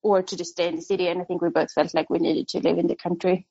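A woman around thirty talks easily as a podcast guest. Her voice is warm and mellow, with frequent small laughs and hesitant ums. The recording sounds a little dull and lo-fi. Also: fairly low pitch, little pitch movement, fast talker, gravelly, slightly rough. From Sweden. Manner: chatty, laughs often, many ums. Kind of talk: casual interview chat.

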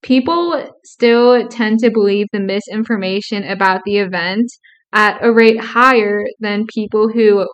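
A woman's voice: mid-range voice, a little slow, muffled recording. Young woman explaining with earnest clarity. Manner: earnest, explanatory, gently sarcastic. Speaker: podcast co-host. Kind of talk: casual podcast chat, explaining psychology.

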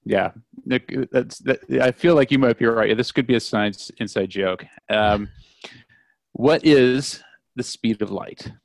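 A man's voice: medium pitch, a little slow, vocal fry, dry recording, clean studio sound. A man hosting a podcast, playfully quizzing his friends in casual chat. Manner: playful quizmaster, laughs often. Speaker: podcast host running a trivia quiz.

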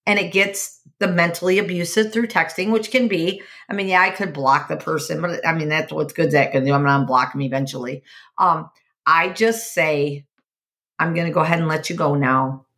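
A middle-aged woman hosts a podcast, earnestly discussing her own life and offering advice in a personal monologue. Her lowish voice is fairly bright and moderately paced, and she often repeats herself and restarts sentences.

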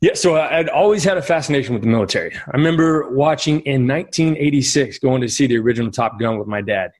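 A middle-aged man, a podcast guest, telling rambling anecdotes with frequent chuckles. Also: medium pitch. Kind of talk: casual storytelling.

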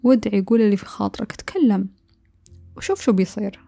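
A woman giving a calm, earnest motivational talk, now and then mixing in English words. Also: medium pitch, fast, gravelly, soft background music. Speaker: motivational speaker.

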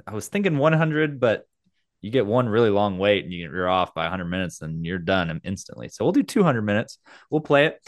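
A man hosting a casual game, explaining the rules in a playful, theatrical way with dramatic pauses. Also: mid-range voice, dry recording, clean studio sound. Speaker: game show host.

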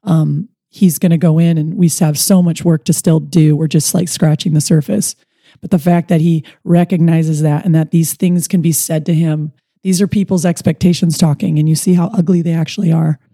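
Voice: mid-range voice, moderate pace, no room sound, clean studio sound. A mental performance coach for baseball players, telling stories earnestly in a casual podcast conversation. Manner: earnest, storytelling, animated retelling with quoted dialogue.

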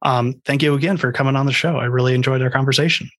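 Brief: male podcast host, easygoing, conversational, mid-pitched. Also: quick pace. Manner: relaxed, conversational, shares personal anecdotes. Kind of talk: casual interview chat and podcast outro.

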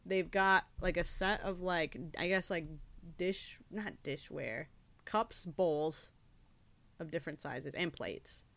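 A young woman co-hosts a casual podcast, teasing and joking with her partner. Her voice sits a little low for a woman. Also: takes it slowly, gravelly, a bit bright, no room sound. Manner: teasing, playful. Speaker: podcast co-host. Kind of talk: casual chat.

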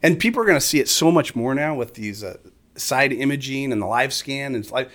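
A middle-aged man, explaining fishing tactics in casual conversation as an animated storyteller who acts out other anglers. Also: mid-range voice, fairly quick. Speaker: fishing guest expert. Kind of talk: casual chat.

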